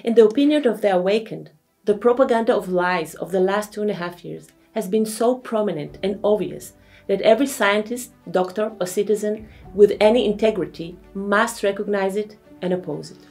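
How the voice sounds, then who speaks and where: Woman lecturer, mid-pitched voice, measured didactic scripted narration, faint music behind. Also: a little mellow. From Israel.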